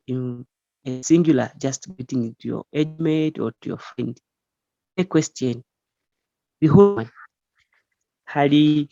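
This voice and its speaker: A man's voice: mid-range voice, dark tone, no room sound, highs cut off. A man teaching an online language lesson, explaining patiently step by step with repeated examples over a call.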